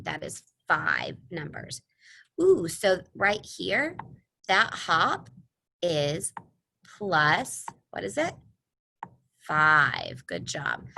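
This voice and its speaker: Her voice sits low and sounds gravelly, pushed and bright. This elementary school teacher runs a math lesson for young kids in an over-the-top, sing-song, encouraging kindergarten style, posing questions and then supplying the answers.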